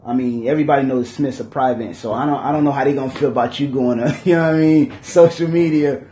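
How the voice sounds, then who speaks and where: Animated slang-heavy man in an echoey room. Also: medium pitch, fast, slight background noise. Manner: animated slangy storytelling, swears often. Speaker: podcast host. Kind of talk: casual chat.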